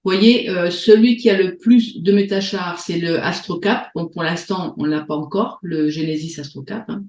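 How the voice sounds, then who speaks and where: Une femme qui anime une réunion en ligne et présente sur un ton détendu, avec beaucoup d'hésitations et de reprises. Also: female voice, on the low side, moderate pace, darkish tone, roomy sound, rough recording. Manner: hesitant, many fillers and restarts. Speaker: host of an online meeting. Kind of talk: casual presentation on a video call. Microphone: video call.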